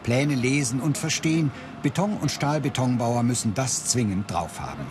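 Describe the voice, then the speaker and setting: A man delivering clear, measured scripted narration for a documentary. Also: mid-range voice, animated, background noise.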